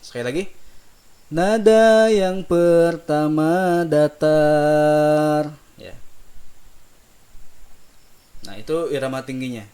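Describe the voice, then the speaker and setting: A man teaching melodic recitation, calmly explaining each note and singing slow drawn-out demonstrations, gently encouraging students. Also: medium pitch. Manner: slow drawn-out sung phrases between unhurried explanations; gentle and encouraging, soft-spoken asides. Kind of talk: relaxed spoken lesson with sung demonstrations.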